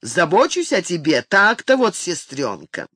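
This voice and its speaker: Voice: medium pitch, huge pitch swings, measured pace, pushed and bright, breathy edge, no room sound, studio quality, heavily acted. An audiobook reader voicing a smug, sarcastic brother catching his breath.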